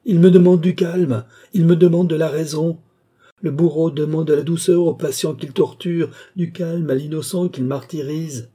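A man's voice: medium pitch, normal speed, warm tone, breathy edge, lightly acted. A man voicing a desperate, bitter young woman held captive, pleading and accusing in a raised voice. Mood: anguished. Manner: bitter, pleading, rising into outbursts.

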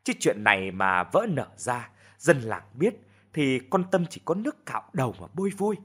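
A man voicing a worried older village mother who scolds softly and sighs, in a storybook reading. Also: medium pitch, very animated, moderate pace, breathy edge. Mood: weary scolding. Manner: soft, sighing, scolding.

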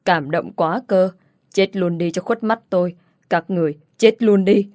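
A woman's voice: lowish voice, normal speed, dark tone, no room sound, clean studio sound, close to an everyday voice. A woman reading the lines of a bitter, vengeful young woman with a sneering, taunting manner. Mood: unhinged.

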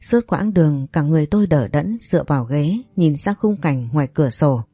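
Low, dark-voiced woman narrating a story. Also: lively intonation, husky, dry recording, soft background music. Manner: dramatic, measured storytelling. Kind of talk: first-person audio story narration.

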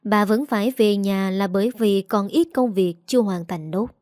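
A woman narrating a dramatic family story with steady storytelling and dramatic emphasis. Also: mid-range voice, moderate pace, no room sound, clean studio sound.

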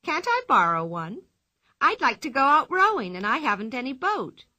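A woman's voice: high-pitched, wildly swooping pitch, normal speed, pushed and bright, pitched above the performer's own voice, heavily acted. A woman voicing a cocky young bully in a storybook reading, swaggering and mocking. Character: cocky bullying boy, gang leader.

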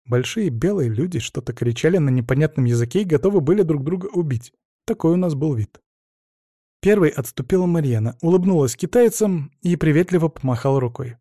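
A man reading a suspense novel aloud in a slow, tense way. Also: fairly high pitch, expressive, mellow, no echo, clean studio sound. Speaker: audiobook reader. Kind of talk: scripted narration.

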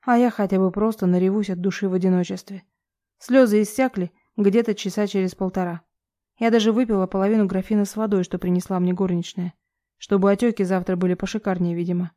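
A woman narrating a first-person novel in an expressive, dramatic reading style. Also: mid-range voice. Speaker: audiobook narrator.

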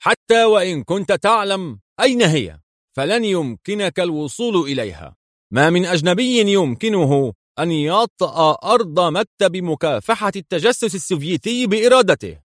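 A man's voice: high voice, sing-song, normal speed, dry recording, studio quality, pitched above the performer's own voice. A man voicing a stern, angry middle-aged male Soviet general who speaks indignantly with a raised voice.

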